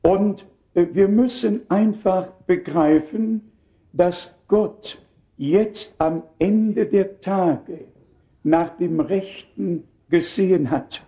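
An older man delivers a sermon in a fairly high voice, taking his time over each phrase. He preaches with earnest emphasis and speaks straight to his listeners. The recording sounds dull and lo-fi. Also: very slow.

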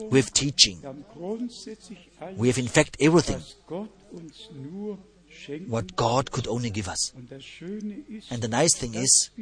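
Slow, emphatic male preacher. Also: medium pitch. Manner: slow, emphatic, repeats phrases, stresses scripture. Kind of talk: sermon.

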